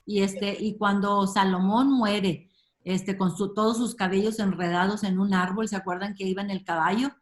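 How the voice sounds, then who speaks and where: Woman running a bible study on a video call, slow easy talk, lots of fillers. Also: mid-range voice, fairly even intonation. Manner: warm, unhurried, many fillers like "este" and "ujú".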